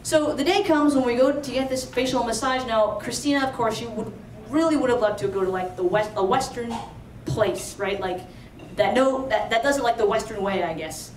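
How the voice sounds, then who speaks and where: A young woman from Alexandria, Virginia, shares a true story at a live storytelling event, chatty and conversational with lots of "like" and "you know." Her slightly high, a little mellow voice moves at normal speed with few pauses. She's recorded off-mic from a distance in a roomy venue, with slight background noise.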